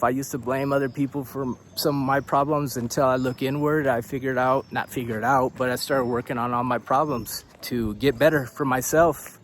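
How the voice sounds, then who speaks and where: An American man who vlogs while living abroad rambles casually to the camera in a talking-head video, saying "dude," swearing, and laughing between points. His voice is medium-pitched, he sounds a bit out of breath, and there's a little hiss or hum.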